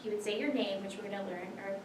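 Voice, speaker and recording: A woman's voice: mid-range voice, quick pace, far from the mic. A woman, a physician assistant, teaching a classroom lesson in a casual, chatty way, full of filler words. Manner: chatty, filler-heavy, many "like"s. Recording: echoey room from afar, background noise.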